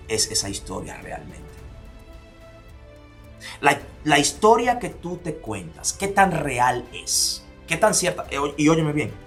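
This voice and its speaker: This man's voice is fairly high and fairly bright. Speaking with a Dominican Spanish accent, the Dominican motivational speaker rattles off repeated rhetorical questions and sinks into near-whispers to stress his points.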